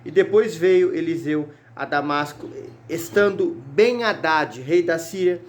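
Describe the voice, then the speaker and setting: A man's voice: on the high side, unhurried, slight background noise. A man preaching a fervent sermon in a church, reading Bible verses aloud and often crying out hallelujah and brothers. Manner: repeats words and restarts while reading. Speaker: evangelist preaching on a Bible chapter. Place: church sanctuary.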